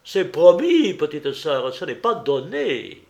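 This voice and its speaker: A man reading aloud voices a jovial, expansive middle-aged southern politician who talks loudly and persuasively. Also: fairly high pitch, wildly swooping pitch, slow, gravelly, heavily acted. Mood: hearty, persuasive.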